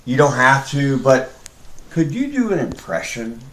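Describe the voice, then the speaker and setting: Animated male interviewer in echoey room. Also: mid-range voice, a little slow. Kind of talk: improvised mock interview banter.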